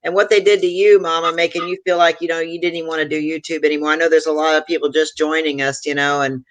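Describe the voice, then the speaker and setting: A woman's voice: low voice, little pitch movement, fast, no room sound. A woman in her fifties from Florida, co-hosting a live stream and speaking bluntly, swearing freely. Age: 50s. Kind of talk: casual chat.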